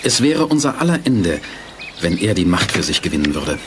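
A man playing a heroic young prince with a secret warrior identity in an eighties radio play, speaking softly and earnestly. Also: deep voice, big pitch swings, background noise. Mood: resolute. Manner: soft voice, measured and earnest. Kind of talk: 1980s German radio play acting.

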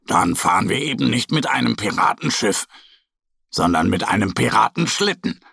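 A man's voice: lowish voice, lively intonation, moderate pace, creaky, sharp tone, husky, no echo, studio quality, full character voice. A man voicing a cheerful, dreamy little male bear cub in a children's storybook, with a friendly, playful manner.

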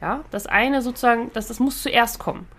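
A woman with a fairly high voice talks through a dog-training podcast episode. She keeps it loose and lively, tossing in quick "right?" check-ins and little laughs as she teaches. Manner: lively, chatty, asks "ja?" often and laughs between points. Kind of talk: casual spoken podcast lesson.

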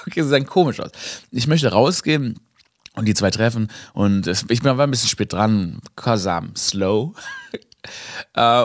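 A young man hosting a podcast, telling a comic story in a lively way, dropping English phrases and laughing at himself. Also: mid-range voice, no echo, studio quality. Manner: animated, mixes in English phrases and laughs at his own story. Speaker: podcast host.

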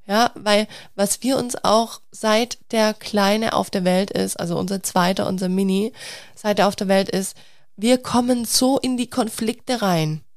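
A woman's voice: mid-range voice, a little slow, no echo. A young mother speaks frankly and personally to her viewers in a dry, close recording. Her delivery is open and searching, with restarts as she finds her words. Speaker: mother of two speaking to followers. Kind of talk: candid personal vlog confession.

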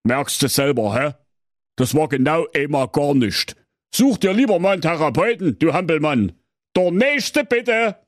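A man's voice: on the high side, very animated, moderate pace, no echo, pitched above the performer's own voice. A man performs a cranky king from a storybook, brusque and mocking. His voice sits a little raised and swings widely. The sound is dry. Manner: gruff, brusque. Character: grumpy impatient king, blunt and mocking.

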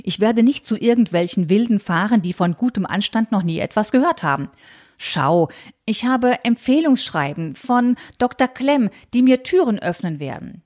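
A woman reading aloud and voicing a determined, free-thinking young woman writer who calmly stands her ground. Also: medium pitch, moderate pace, natural voice.

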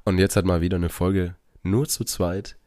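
Deep-voiced man hosting in a roomy space. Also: steady tone, normal speed, warm tone, clean studio sound. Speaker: podcast host. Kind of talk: motivational podcast talk.

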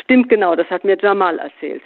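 A man's voice: high-pitched, brisk. A cheeky teenage girl, as a man reads her. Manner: mocking, cheeky. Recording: phone-like narrow band.

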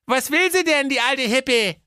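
Irritable talking dud bomb for a comic audio fairy tale, squeaky and cheeky, slangy grumbler. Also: male voice, expressive, unhurried, pushed and bright, clean tone, no room sound, clean studio sound, heavily acted. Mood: grumpy.

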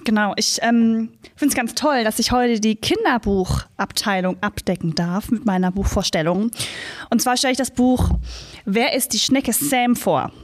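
A woman co-hosting a podcast who talks about a children's book in a lively way, often pausing with fillers, and reads passages aloud in small voices. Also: on the high side. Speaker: podcast co-host.

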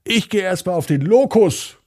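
A man's voice: high-pitched, lively intonation, normal speed, a little mellow, no echo, clean studio sound, voice pushed up. A man voicing a grumpy old neighbour in a bedtime story, grumbling and scolding.

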